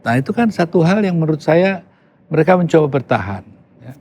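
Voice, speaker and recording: A man's voice: a little high, animated, fairly quick, darkish tone, slight background noise. An older man from Yogyakarta, talking casually as a podcast guest, emphatic and mixing in English phrases. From Yogyakarta, Indonesia. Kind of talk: casual conversation.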